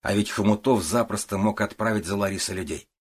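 A man narrating an audiobook in a steady, even storytelling manner. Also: fairly low pitch, fairly quick, husky.

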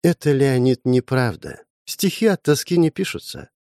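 A man reading a storybook, voicing a patient older investigator who lectures in a measured way. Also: medium pitch, very animated, mellow, no echo, studio quality. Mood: lecturing.

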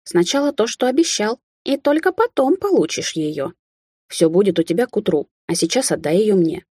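A woman voicing a scheming red-haired young woman who lies with ease, in a higher, brighter voice with a husky edge. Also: expressive, moderate pace, dry recording, clean studio sound. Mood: bargaining.

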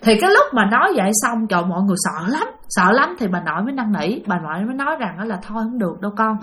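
A woman's voice: a little high, big pitch swings, racing, a bit bright. A woman with a Southern Vietnamese accent telling a ghost story in a chatty way, often addressing her listeners directly. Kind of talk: spoken ghost-story narration.

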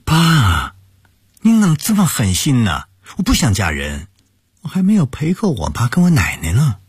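A man's voice: low voice, sing-song, a little slow, slightly rough, no echo, clean studio sound, heavily acted. A man voicing a shy, playful teenage daughter, pleading coyly. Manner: coy, pouting pleas.

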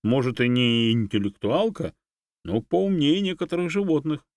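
A mocking, know-it-all female monkey with a raised, lively voice, as a male audiobook reader puts her on. She needles her friend in a sharp, teasing tone, and the voice sits close and dry with no room around it. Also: a little high, normal speed, gravelly, no room sound, voice pushed up.

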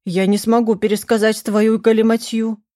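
A woman's voice: a little high, level tone, moderate pace, warm tone, no room sound, studio quality, voice pushed up, close to an everyday voice. A woman voicing a fussy, worried middle-aged mother in an audiobook. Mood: demanding.

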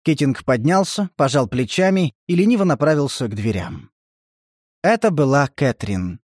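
A man reading a novel aloud as audiobook narrator, in a measured, even manner. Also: a little high, no echo, clean studio sound. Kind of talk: scripted literary narration.

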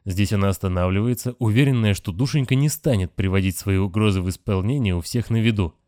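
Low-voiced male audiobook narrator. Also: quick pace, mellow, no room sound, clean studio sound. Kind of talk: scripted narration.

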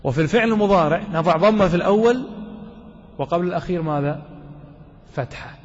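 A man teaches grammar to a class, putting questions to his students and repeating words slowly. His voice sits a little high and sounds husky. The muffled, lo-fi recording carries a long hall reverb.

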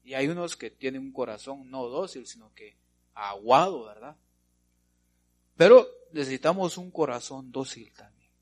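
Husky-voiced male pastor preaching. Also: medium pitch, animated, normal speed. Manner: preaching with repeated amens and rhetorical questions to the congregation. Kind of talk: sermon.

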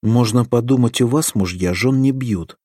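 A man reading the part of an affectionate, teasing young village girl in an audiobook, lifting his voice into a bright pleading lilt. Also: medium pitch, normal speed, no echo, clean studio sound, pitched above the performer's own voice, close to an everyday voice. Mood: tender.

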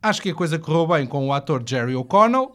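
A man's voice: on the high side, very animated, fairly bright tone. A man hosting an interview in a playful, teasing way. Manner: playful, teasing, quick bursts. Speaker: podcast host.

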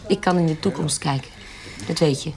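An actress in a historical radio drama plays a former baroness with second sight who is anxious and scheming, delivering lines in a grave, urgent, firm manner. Her voice is low-pitched, brisk and a little mellow.

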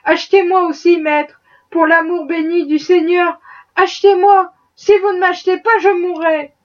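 A woman's voice: extremely high pitch, steady tone, moderate pace, lo-fi sound, voice pushed up. A woman reading an audiobook, voicing a grieving old mother who pleads in a broken, crying voice. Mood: pleading.

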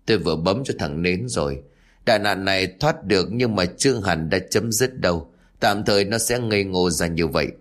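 A man voicing a stern old male village exorcist who speaks in a gruff, commanding way. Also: deep voice, lively intonation, fairly quick, fairly bright tone.

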